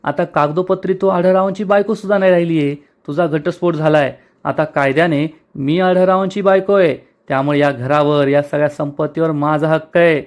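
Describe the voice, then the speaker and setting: A man's voice: a little high, steady tone, fairly quick, close to an everyday voice. A man voicing a quarrelsome, jealous woman who taunts her rival. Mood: taunting.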